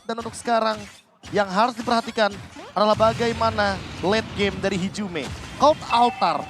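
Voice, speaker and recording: A man analyses a live esports match. He talks quickly in a high voice, explaining the tactics as he goes. Music plays clearly behind him. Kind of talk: analytical live game commentary. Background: clear background music.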